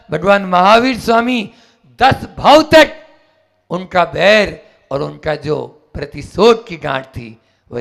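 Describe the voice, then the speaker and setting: A male spiritual teacher preaches a sermon, stressing each key word and raising his voice on lists. His voice sits high and gravelly, and his pace is slow and deliberate. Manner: animated, emphatic preaching with rising exclamations. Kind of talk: sermon with storytelling.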